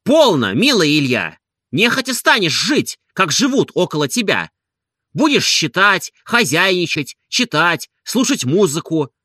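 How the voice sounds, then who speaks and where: Give me a man playing an emphatic, insistent friend with a bright, forceful voice. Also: sits high, very animated, unhurried, no echo, studio quality, voice pushed up, exaggerated voice. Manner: urging, emphatic. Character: energetic, warm-hearted male friend, insistent.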